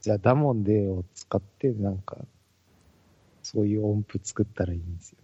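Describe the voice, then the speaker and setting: A man from Fukuoka co-hosting a podcast in casual chat among musicians, calm and politely teasing. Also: fairly low pitch, a little fast, husky, no echo, dull audio. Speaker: podcast co-host.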